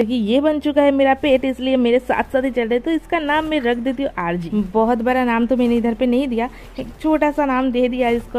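Brief: young female gaming host, excitable running commentary, higher voice with a mellow, warm tone. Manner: chatty, excitable, talks to viewers while playing. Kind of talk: casual gameplay commentary.

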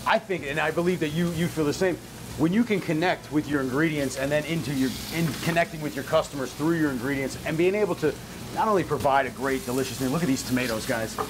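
An upbeat man in his thirties hosts a cooking segment, his voice sitting a little high and full of eager praise. He speaks on a lapel mic in a restaurant kitchen, with loud frying sizzle and kitchen clatter behind him. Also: quick pace, background noise. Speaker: cooking show host. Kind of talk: enthusiastic cooking chat.

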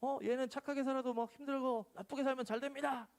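A man's voice: very high-pitched, steady tone, fast, voice pushed up. A male pastor voicing an exasperated prophet who protests and pleads with God. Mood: protesting.

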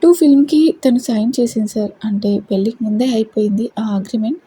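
A woman's voice: a little high, a little fast, warm tone, slightly rough. A woman voicing a nervous young male assistant who answers timidly and deferentially in a story reading.

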